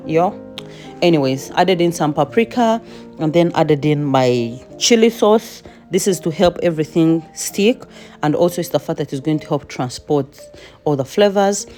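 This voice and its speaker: A woman's voice: low voice, warm tone. A woman home cook giving a chatty cooking voice-over with playful asides.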